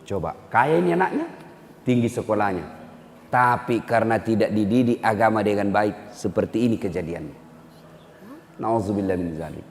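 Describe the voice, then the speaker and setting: A middle-aged male preacher with a Makassar Indonesian accent, telling stories in a humorous sermon and acting out the voices, swinging from loud cries to hushed lines. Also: lowish voice, lively intonation, normal speed, slight background noise. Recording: echoey hall.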